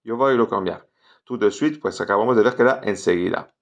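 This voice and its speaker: A man who is a native French speaker teaching French in Spanish, explaining slowly and pausing often with fillers. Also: on the low side, dull audio. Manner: slow, explanatory, many hesitations. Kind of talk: online language lesson.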